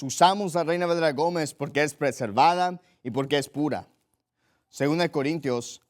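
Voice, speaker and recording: A young man preaching a sermon with a somewhat high voice for a man. He drives his points home, repeating short phrases for emphasis and slowing down to read scripture aloud. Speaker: pastor.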